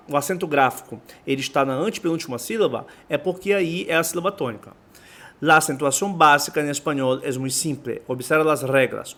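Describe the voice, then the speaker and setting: A native Portuguese speaker with a Brazilian accent teaches a Spanish lesson, reading from a textbook and then explaining it while switching between the two languages. His voice is on the high side with a fairly bright tone.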